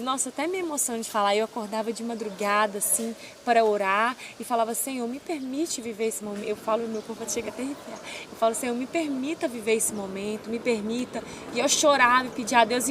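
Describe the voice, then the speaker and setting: In a casual interview against a noisy background, a twenty-something Brazilian woman who fights MMA relives her story with devout, emotional animation. Her voice is a little high.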